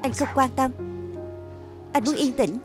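A woman voicing a worried young husband and son in an even, plain dubbed reading. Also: sits high, unhurried, over music. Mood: exasperated.

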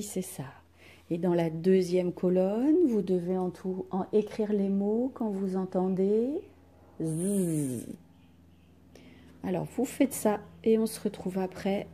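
Slow, husky French schoolteacher woman. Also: mid-range voice, steady tone, dark tone. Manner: slow, clearly articulated, stretches out sounds. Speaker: primary school teacher. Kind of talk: recorded reading lesson for young pupils.

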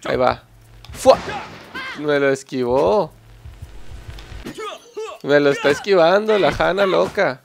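A young man giving excited, joking gameplay commentary and swearing at his opponents. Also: a little high, measured pace, vocal fry, long pauses, faint music behind. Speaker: gameplay channel host.

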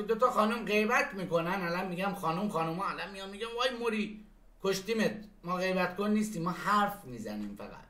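A man teaching German phrases, who explains each one and repeats the German sentences slowly. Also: high-pitched, bright, forceful tone, reverberant. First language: Persian. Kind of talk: language lesson.

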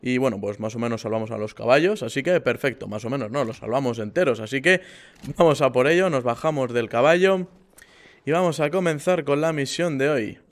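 A man with a Spain accent hosts a gaming video at a very quick pace. His mid-pitched voice gives casual commentary, informal and peppered with swearing. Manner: informal, swearing, repeats words. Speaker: gaming channel host. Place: indoor room at a gaming setup.

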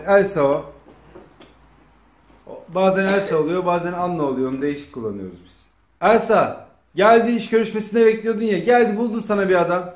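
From off camera, a man directs a family comedy skit, bossily prompting and instructing the others in casual improvised banter. His high voice moves briskly, and the recording has a roomy echo with faint background noise.

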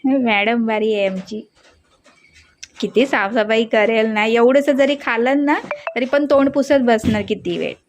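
Indoors at home, a woman with a Marathi accent narrates a casual vlog about her dog and cat, speaking a little slowly over soft background music. She's chatty, and every so often she switches to a higher, playful voice to scold or coax the pets.

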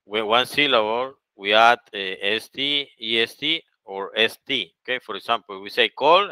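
A middle-aged man with a Panamanian Spanish accent gives a bilingual English lesson in a bright, crisp, fairly low voice. He speaks slowly in English and translates quickly into Spanish. The sound is dry and close, with no room around it. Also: no room sound, poor audio. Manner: switches between English and Spanish, many "okay?" and "¿verdad?" checks. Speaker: English teacher. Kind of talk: bilingual online grammar lesson.

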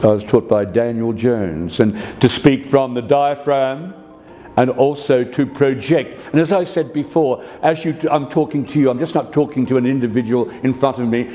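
A man in his seventies with an Australian accent reflects in interview style. He has a town crier's theatrical, ornate delivery in a warm, mellow, mid-pitched voice. Music plays behind him. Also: normal speed, big-room sound. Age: 70s. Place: panelled indoor sitting room, seated.

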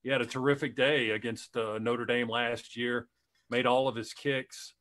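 A man's voice: medium pitch, flat delivery, moderate pace, fairly bright tone. A middle-aged man, a radio play-by-play announcer, chatting casually on a video call and rambling through stories with many restarts.

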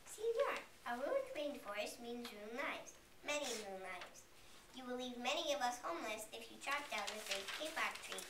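A woman's voice: fairly high pitch, big pitch swings, normal speed, far from the mic, noisy background. A woman voicing a group of small tree frogs in a read-aloud picture book, begging the man not to leave them homeless. She reads in a plain, earnest way. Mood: pleading. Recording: echoey room, from afar.

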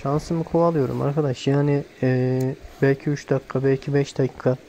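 Even-toned man narrating by a stream. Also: mid-range voice, a little fast, slight background noise. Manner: calm, even-toned, giving friendly tips to viewers. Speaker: angler filming his fishing trip. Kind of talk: casual outdoor fishing vlog narration. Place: outdoors on a stream bank. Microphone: handheld camera filming first-person.

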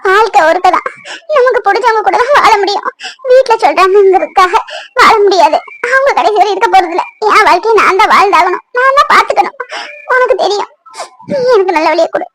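A woman voicing a very high tearful young bride. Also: animated, normal speed, long pauses, background noise. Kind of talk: cartoon voice acting.

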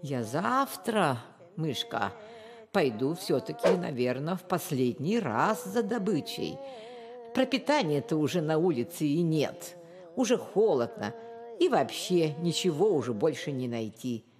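A woman voicing a sly, greedy female fox in a storybook cartoon, wailing and sing-song, turning shrill when upset. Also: sing-song, measured pace, in a large hall, a crowd in the background. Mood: scheming. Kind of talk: storybook character voice.

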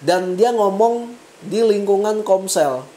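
A woman's voice: expressive, takes it slowly, warm tone. Chatty woman vlogger in an echoey room. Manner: chatty, slangy, with swings between low asides and higher emphatic bursts. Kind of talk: casual storytelling monologue.

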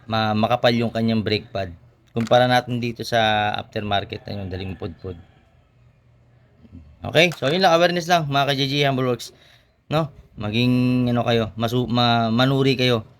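Casual man showing motorcycle parts. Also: mid-range voice. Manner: conversational, frequent tag questions, pauses to show parts. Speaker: motorcycle mechanic and channel host. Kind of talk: casual how-to demonstration.

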